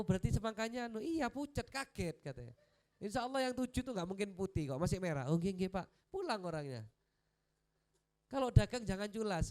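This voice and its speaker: A preacher delivers a sermon in a high, smooth, clear voice. He tells stories, voices the characters in them, and keeps turning to speak straight to the crowd. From Indonesia. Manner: lively storytelling, voicing characters, addressing the crowd directly. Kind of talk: religious sermon.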